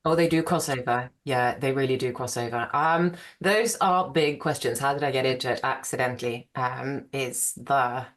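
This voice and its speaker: Very low-voiced woman, chatty scholar. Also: moderate pace, few pauses. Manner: chatty, rambling, laughs easily. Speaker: archaeologist guest. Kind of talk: conversational podcast interview.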